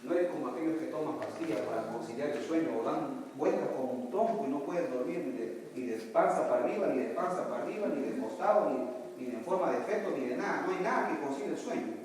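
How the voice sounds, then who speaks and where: A man preaching a sermon as pastor, telling stories and building to loud, emphatic passages. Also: a little high, animated, fairly quick, few pauses, slight background noise. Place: church. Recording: echoey church hall, mic far off.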